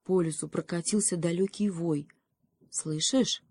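Woman gently reading a children's story. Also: fairly low pitch, moderate pace, dry recording, clean studio sound. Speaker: narrator.

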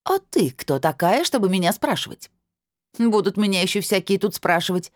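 A woman's voice: mid-range voice, animated, normal speed, dry recording, studio quality, voice pushed up, lightly acted. A woman voicing a brash, rude middle-aged woman who shrieks and then turns fawning. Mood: shouting.

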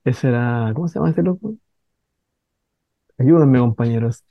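A man's voice: medium pitch, normal speed, vocal fry, no room sound. A Chilean man hosting late-night radio, joking and rambling as he hunts for words. His voice is close and dry, with a slightly dulled, lo-fi edge. The talk is loose and casual. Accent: Chilean Spanish. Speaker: radio host.

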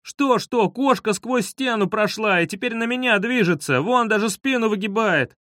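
A man doing a panicky schoolboy, high and pleading. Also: extremely slow, a little mellow, dry recording, studio quality. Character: frightened schoolboy narrator Lyokha, panicky. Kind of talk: audiobook reading.

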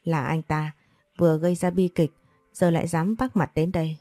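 A woman's voice: sits low, fairly even intonation, moderate pace, dark tone, no echo, soft background music. A woman reading the lines of an indignant young male teacher in a storybook, with a confrontational manner.

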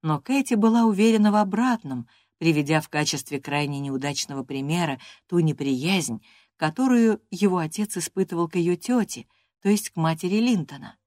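A woman narrating a classic novel as an audiobook, in a measured, expressive storytelling manner. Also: lowish voice, dry recording, clean studio sound. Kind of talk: literary narration in first person.

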